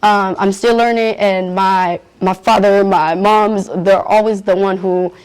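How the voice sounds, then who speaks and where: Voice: medium pitch, fairly even intonation, measured pace, clean tone, poor audio. A young adult, answering interview questions earnestly and searching for words. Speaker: youth interviewee at a community event.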